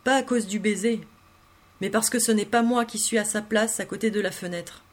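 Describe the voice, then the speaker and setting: A woman narrating a literary story in the first person, reading in an intimate, expressive way. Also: medium pitch, moderate pace. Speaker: audiobook reader.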